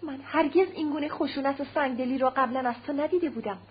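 Woman reader doing a distraught young wife, agitated, cries out, high raised voice, muffled audio, faint hum. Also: natural voice. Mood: indignant. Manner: agitated, stammering, crying out. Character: distraught young aristocratic wife, proud and desperate.

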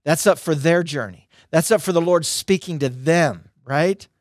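A middle-aged man teaches in a conversational sermon style. His voice sits a little high for a man, and he drives points home with short, emphatic, repeated phrases. The sound is dry and close, from a headset microphone in a studio. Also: normal speed, dry recording. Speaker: preacher. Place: dark indoor studio.

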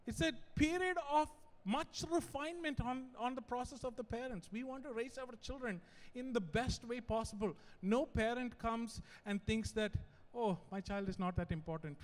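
High-pitched young pastor in a reverberant hall. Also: male voice, normal speed, hardly any pauses. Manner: animated, digressive, joking asides. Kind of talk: sermon. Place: large church hall. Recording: long church-hall reverb.

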